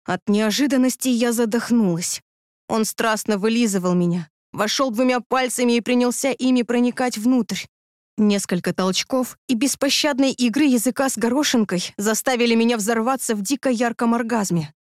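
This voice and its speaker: A woman narrating a first-person audiobook in an expressive, breathy reading voice. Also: a little high, moderate pace, no room sound, clean studio sound.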